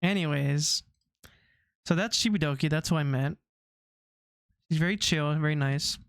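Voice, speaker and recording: Rambling young man, crisp dry voice. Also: a little high, normal speed, fairly bright tone, no echo. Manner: rambling, laughs often, tangents. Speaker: streamer. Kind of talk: casual chat with stream chat.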